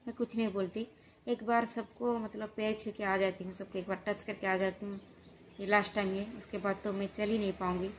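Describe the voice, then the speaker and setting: A woman vlogger telling a personal story in a halting, hesitant way, full of pauses and fillers. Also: medium pitch, level tone, slight background noise.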